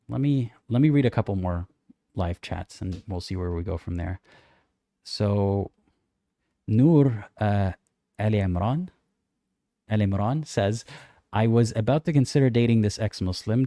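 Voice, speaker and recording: A young man co-hosting a casual livestream chat, reading out viewer comments and answering them in a thoughtful, measured way. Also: lowish voice, mellow, dry recording, clean studio sound.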